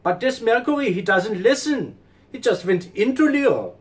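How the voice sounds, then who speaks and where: A man putting on a high comic accent to play himself scolding a stubborn planet, nagging and pleading. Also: expressive, brisk, fairly bright tone, far from the mic. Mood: exasperated nagging.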